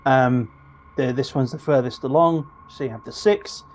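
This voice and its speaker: A man narrates a tabletop role-playing game as its game master. His voice sits at an ordinary middle pitch, and he often pauses and rephrases as he describes what the players find. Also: slight background noise. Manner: halting, searching for words.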